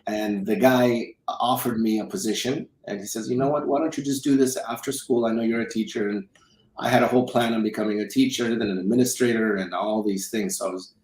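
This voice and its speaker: A middle-aged man, born in Romania and raised in South Dakota from childhood, speaks as an interview guest; he is a film executive producer and financial advisor. His voice sits on the low side, steady, fairly quick and a little mellow, and he tells his story conversationally, often repeating and rephrasing himself. The recording is rough, with a roomy sound.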